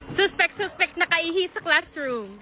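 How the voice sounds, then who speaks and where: A woman's voice: very high-pitched, a little slow, a crowd in the background, rough recording. A young woman from the Philippines, a vlogger teasing a friend in a playful, giggly casual chat.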